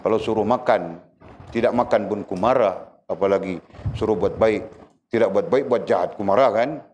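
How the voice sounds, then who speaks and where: A male religious teacher lectures a class in a fairly low voice. He is animated and keeps checking that his listeners follow with quick rhetorical questions. Faint noise sits under the recording.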